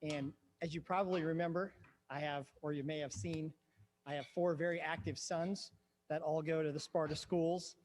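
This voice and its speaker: A man speaks at a school board meeting in an easygoing, casual way, with a few fillers. His voice sits a little high for a man. He jokes lightly as he gives his report. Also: fairly even intonation, moderate pace, darkish tone. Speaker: garrison commander giving a report. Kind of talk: casual public remarks at a meeting.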